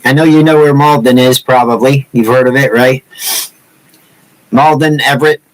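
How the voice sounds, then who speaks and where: Hosting a woodcarving livestream, a Massachusetts man in his sixties without a regional accent jokes around, rambles and teases the people watching. He speaks at a moderate pace in a steady, medium-pitched voice over poor audio.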